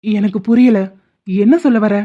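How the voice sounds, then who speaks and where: A woman voicing a calm, level-headed young man in a dubbed cartoon drama, speaking in a steady, firm way. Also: medium pitch, moderate pace, lightly acted. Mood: stern. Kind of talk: Tamil cartoon dubbing. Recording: dull lo-fi recording.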